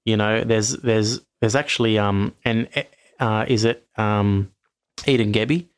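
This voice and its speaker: A man's voice: fairly low pitch, fairly even intonation, unhurried, clear, resonant tone, no room sound. A man co-hosting a casual sports podcast, rambling and self-correcting, a little tipsy from wine. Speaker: podcast co-host.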